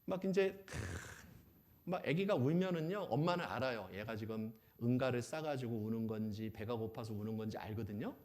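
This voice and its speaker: A man preaching as a pastor, animated, asking the audience questions and acting out little scenes. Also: medium pitch, a little fast, hardly any pauses. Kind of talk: lively sermon.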